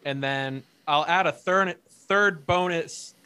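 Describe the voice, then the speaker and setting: A young man co-hosting a podcast tells stories in a casual chat, swearing freely, laughing often, and stumbling over his words with lots of fillers and restarts. His voice sits on the high side and moves at a slow pace, bright and forceful, with a clean tone.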